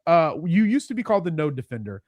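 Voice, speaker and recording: A man's voice: on the high side, big pitch swings, quick pace, a little mellow, no echo. A man hosting a podcast in a casual interview chat, rambling a little, laughing often and trailing off mid-thought. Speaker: podcast host.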